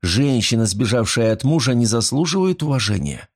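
A man's voice: mid-range voice, lively intonation, normal speed, slightly rough. A man voicing an earnest, good-natured young man who speaks politely.

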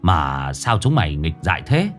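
A man voicing a calm grown man in his thirties who scolds mildly. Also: extremely low pitch, normal speed, soft background music, voice pushed down, heavily acted. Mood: calm scolding.

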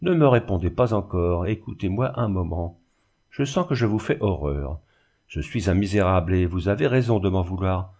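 A man reading the part of a sick, ruined glassmaker who moans and pities himself, in a low voice. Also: expressive, moderate pace, a little mellow. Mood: plaintive. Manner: plaintive, moaning. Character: suffering, self-pitying ruined male glassmaker. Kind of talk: audiobook character reading.

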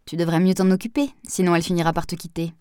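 A woman's voice: on the low side, rapid-fire, clear, resonant tone, dry recording, clean studio sound, natural voice. A woman reading as a sardonic, touchy man. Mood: wry. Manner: sardonic, touchy, then sharp. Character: gruff reserved man, Pascal's brother.

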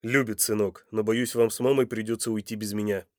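A man's voice: on the low side, fairly even intonation, brisk, no echo, clean studio sound, lightly acted. A man voicing a tough young enforcer who talks in a firm, resolute way. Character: tough, steady young male enforcer and father.

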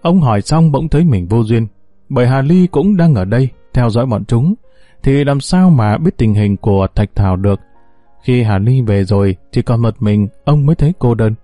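Dark-voiced male story narrator. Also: medium pitch, animated, normal speed, no echo, soft background music.

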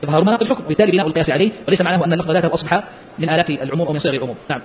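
A man teaching Islamic legal theory, explaining a text and quizzing his listeners with quick rhetorical questions. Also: fairly high pitch, lo-fi sound, a little hiss or hum.

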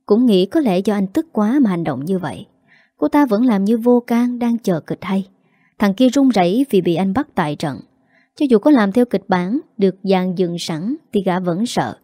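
A woman reads a romance audiobook in a steady and dramatic way. Her voice is mellow and soft-edged. The recording is dry and close, with no room sound. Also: mid-range voice, no echo. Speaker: audiobook narrator. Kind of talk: scripted story narration.

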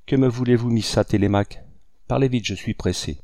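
A man's voice: medium pitch, dark tone, no echo, clean studio sound, close to an everyday voice. A man reading an audiobook, voicing a haughty, curt older woman in a raised tone. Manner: curt, hurried.

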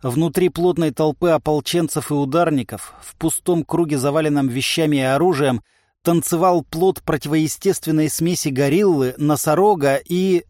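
A man narrating a first-person audiobook in a lively, ironic manner. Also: on the high side, no echo, clean studio sound.

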